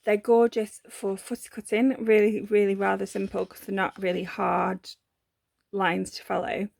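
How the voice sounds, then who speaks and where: A woman from the UK chats through a craft unboxing with a gravelly, creaky edge to her mid-pitched voice. She gushes over each item, filling gaps with ums and correcting herself as she goes. The sound is close and dry, with no room echo. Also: flat delivery, moderate pace, darkish tone. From United Kingdom. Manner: chatty and gushing, with many ums and self-corrections. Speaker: papercraft vlogger. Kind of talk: casual unboxing chat.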